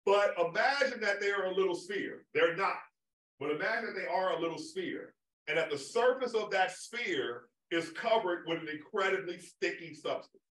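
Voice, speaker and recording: Heard from far off in a roomy observatory lecture hall, a man gives a casual public astronomy talk, repeatedly checking in with "right?". His voice sits high, animated and a bit bright, at a normal speed.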